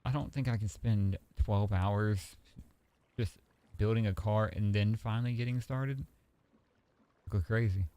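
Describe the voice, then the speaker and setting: A man with a low, gravelly voice and a dark, mellow tone talks loosely over a game stream. He rambles from thought to thought and swears without a second thought. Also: measured pace, pauses often, no echo. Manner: relaxed, rambling, swears freely. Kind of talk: casual stream chat.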